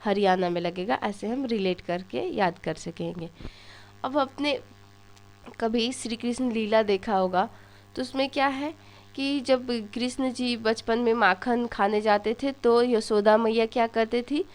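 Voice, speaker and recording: A woman's voice: a little high, measured pace. A young woman teaching an exam-prep lesson, telling little stories and asking questions that she then answers herself. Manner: storytelling, asks questions and answers them herself.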